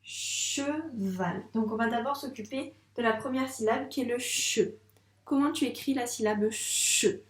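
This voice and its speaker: A woman teacher with a French accent, slowly and patiently sounding out syllables in a dictation lesson for a young child. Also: fairly high pitch, steady tone. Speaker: first-grade teacher. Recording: echoey room sound.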